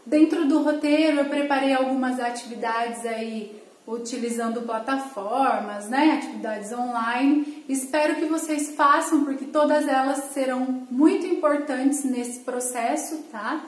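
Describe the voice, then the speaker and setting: Brief: woman schoolteacher, high voice, patient and clear, echoey room. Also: a little slow. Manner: clear, patient, explanatory, frequent "tá?" check-ins. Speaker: teacher. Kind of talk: recorded online lesson for children.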